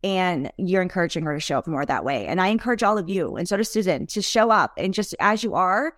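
An upbeat woman host who encourages her guest and her listeners. Her voice sits a little low, and the sound is dry and close to the mic. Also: animated, quick pace, fairly bright tone, no echo. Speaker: podcast host. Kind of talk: casual interview chat.

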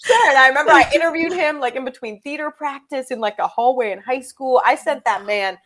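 A woman in her twenties, a podcast guest, telling stories with lively acted-out quotes and frequent laughter. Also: high voice, brisk. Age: 20s. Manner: animated storyteller, acts out quotes, laughs often. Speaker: interview guest. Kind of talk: casual podcast interview.

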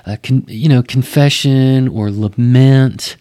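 A man with a West Texas twang, explaining things conversationally and thoughtfully like a pastor, often pausing mid-phrase. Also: medium pitch, warm tone. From West Texas, United States. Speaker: Baptist pastor.

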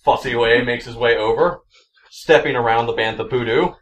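A man's voice: mid-range voice, moderate pace. A man narrating and explaining rules as game master of a tabletop game. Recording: distant mic.

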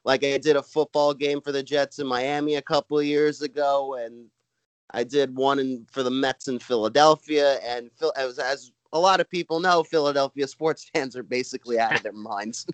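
A man from Brooklyn with a Brooklyn accent chats casually as a comedian being interviewed, rambling and halting, with "like" all through his talk. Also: mid-range voice, steady tone, dry recording, low-quality recording. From Brooklyn, New York. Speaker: stand-up comedian, podcast guest. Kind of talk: casual chat.

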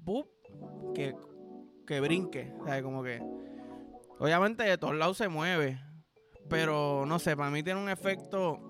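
Podcast host: Puerto Rican man, high voice, profane joking rambler, music bed underneath. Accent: Puerto Rican Spanish. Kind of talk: crude comedic podcast monologue.

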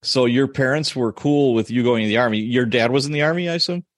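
A man's voice: mid-range voice, fast talker, no room sound, studio quality. A man in his forties hosting a podcast, chatting casually and laughing often as he tells stories. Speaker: podcast host. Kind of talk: casual interview chat.

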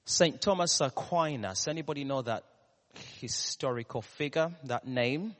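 A man with a Ugandan, East African accent preaching a sermon, putting questions to the congregation, pausing and repeating key words. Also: mid-range voice. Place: large reverberant room, live church service. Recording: echoey hall with long reverb.

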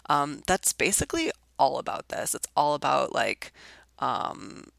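A woman hosting a solo podcast while sick, her hoarse voice heavily gravelly with vocal fry. Her tone stays bright and forceful. She talks in a loose, rambling way full of ums and likes, recorded close and dry. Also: a bass voice, big pitch swings, unhurried, no echo. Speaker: podcast host. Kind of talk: casual solo podcast chat.

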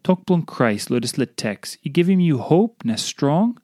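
A man's voice: a little high, big pitch swings, measured pace, darkish tone, dry recording, clean studio sound. A man with a Papua New Guinean accent reads a scripted devotional in Papua New Guinea pidgin, earnestly and phrase by phrase. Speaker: devotional reader.

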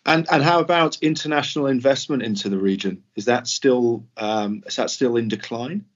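Man, mid pitch, polite halting podcast interviewer, slightly dull audio.

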